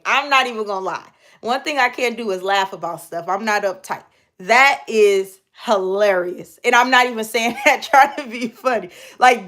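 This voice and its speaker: A woman's voice: fairly high pitch, fairly bright tone. Young bay woman on a live stream, chatty and slangy, reads comments and talks right to the chat. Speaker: livestream host.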